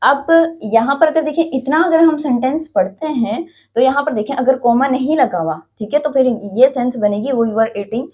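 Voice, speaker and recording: A woman with a Pakistani accent teaching English in a lecture, explaining slowly and often checking in with "theek hai". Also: high voice. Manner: reads example sentences slowly and deliberately. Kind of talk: classroom lecture. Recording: muffled lo-fi recording.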